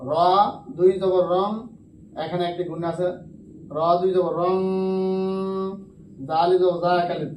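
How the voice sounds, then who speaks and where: A man with a Bangladeshi Bengali accent teaching Quran reading, spelling out letters and vowel marks slowly in a drawn-out, melodic way. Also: sits high, flat delivery, lo-fi sound, slight background noise. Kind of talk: spelling-out recitation lesson. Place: madrasa classroom. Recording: echoey room, mic at a distance, faint background ambience.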